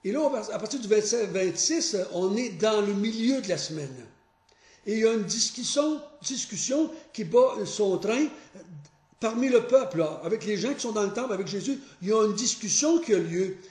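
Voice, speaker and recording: A man leading a Bible study. He prays, reads scripture aloud and explains it earnestly, pausing often and restarting his phrases. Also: sits high, animated, a little mellow. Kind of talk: Bible study teaching with prayer and scripture reading. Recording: echoey room.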